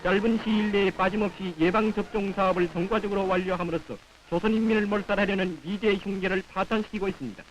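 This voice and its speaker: Solemn and declamatory, a male narrator with a notably high voice and a North Korean accent reads a 1950s propaganda newsreel script, sounding like an old film soundtrack. He talks fast with few pauses and fairly even intonation. The low-quality recording carries a little hiss or hum.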